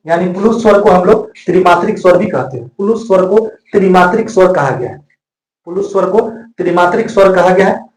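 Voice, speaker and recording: A man teaching a classroom grammar lesson, repeating each point several times so students can note it down. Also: high voice. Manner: repetitive, drills points by repeating them. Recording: echoey room.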